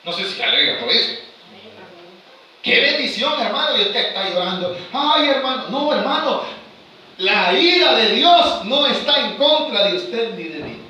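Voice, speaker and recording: A high, bright male preacher teaching a Bible study, who keeps questioning his congregation and slows down to read scripture. He is recorded from a distance in a very echoey church hall with a faint hiss underneath. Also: sing-song. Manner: asks the congregation rhetorical questions, slows to read verses aloud. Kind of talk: sermon-style Bible study.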